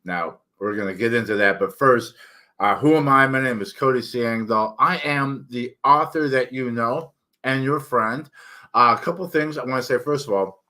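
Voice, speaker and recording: A man's voice: medium pitch, normal speed, sharp tone. A middle-aged man with thick, slightly slurred, tongue-heavy articulation, giving a candid, rambling, self-deprecating monologue as an author hosting his own channel.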